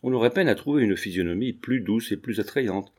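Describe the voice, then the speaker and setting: A man reading a classic novel aloud as an audiobook narrator, in a measured, expressive way. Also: lowish voice. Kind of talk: scripted narration.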